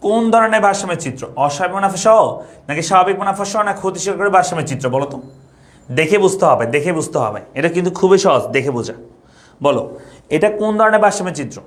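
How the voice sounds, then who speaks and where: Fast-talking young male economics teacher. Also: high voice. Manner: repetitive, asks students questions. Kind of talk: online class lecture.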